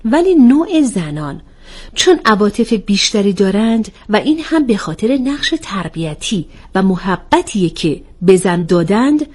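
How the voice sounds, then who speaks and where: A woman voicing a calm young woman who patiently explains things in a storybook reading. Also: mid-range voice, breathy edge. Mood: explaining.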